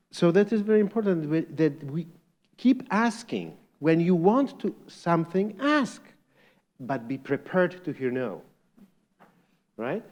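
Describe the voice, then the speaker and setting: A man's voice: fairly high pitch, a little mellow. A middle-aged man with a Polish accent moderates a live panel, asking the audience questions and often chuckling as he speaks.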